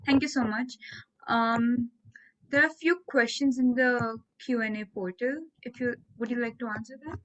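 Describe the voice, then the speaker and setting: A woman moderating an online information session, giving polite, brisk instructions. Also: on the high side, steady tone, fairly bright tone, muffled recording, a little hiss or hum.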